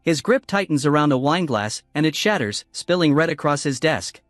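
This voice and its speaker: A man narrating a comic story recap in a smooth, wry scripted style. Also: on the high side, lively intonation, moderate pace, a bit bright, dry recording. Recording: dry close voice-over with music.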